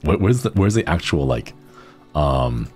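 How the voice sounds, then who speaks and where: A man's voice: a bass voice, very animated, a little slow, darkish tone, faint music behind. A man livestreaming, switching between casual chat and parody read-aloud.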